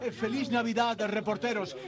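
A man's voice: very high voice, fairly even intonation, moderate pace, a crowd in the background. An actor playing an emotional middle-aged family man in a dubbed classic film, intense and pleading. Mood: joyful.

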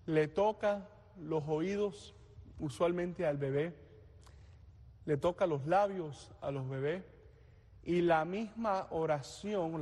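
A man reading scripture and preaching deliberately in a church, his voice carried in a cathedral-like echo. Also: on the high side, dark tone. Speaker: priest or deacon reading the Gospel and preaching. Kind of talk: liturgical reading and homily. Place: large reverberant church interior. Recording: long echoing church reverb.

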